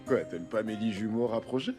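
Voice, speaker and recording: Un acteur jouant un cuisinier sûr de lui, tantôt chef tantôt amant, au parler familier et direct. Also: male voice, on the low side, a little fast, natural voice. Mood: tender, teasing. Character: confident restaurant cook, bossy at work, tender lover. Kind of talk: French-language acted film or series dialogue. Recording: music behind the dialogue.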